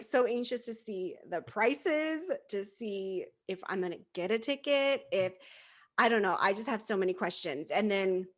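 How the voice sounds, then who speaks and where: A woman co-hosting a casual fan podcast, chatting and telling stories with animated quoted voices. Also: medium pitch. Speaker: podcast co-host. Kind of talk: casual chat.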